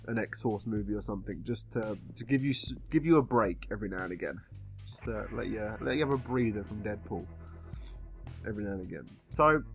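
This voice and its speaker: A man with an English accent giving a casual film review, rambling and halting as if he has been drinking. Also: fairly low pitch. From England.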